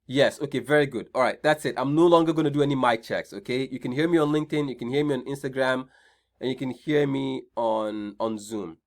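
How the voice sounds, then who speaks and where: In a mid-range voice that runs a little fast, a man with a Nigerian accent hosts an online career seminar. Chatty in tone, he keeps reiterating his points and frequently asks "right?" to keep the audience with him.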